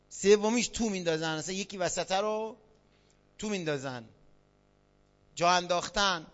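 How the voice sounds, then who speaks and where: Man, teacher, classroom lecture, asks the listeners questions, bright tense voice, muffled lo-fi sound. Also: high voice. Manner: quizzes listeners, spells out examples. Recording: dull lo-fi sound.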